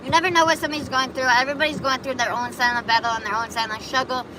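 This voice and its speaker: A high-pitched woman from Buffalo, New York, races through her words with fairly even intonation while streaming amid traffic. She hosts a casual live chat, chatty and rambling, reacting to comments and answering viewers.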